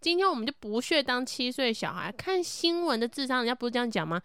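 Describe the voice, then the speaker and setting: A woman co-hosts a casual podcast, chiming in with quick, agreeing remarks. Her voice is smooth and clear, with a lively, moving pitch. The recording is close and dry. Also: no echo. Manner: quick supportive interjections. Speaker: podcast co-host.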